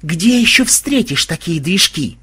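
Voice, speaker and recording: A mischievous young gamer, voiced by a man, who teases and gloats. His husky voice jumps up with glee and lively pitch. This is storybook reading. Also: a little slow, full character voice. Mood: gleeful. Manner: gleeful and teasing, smirking.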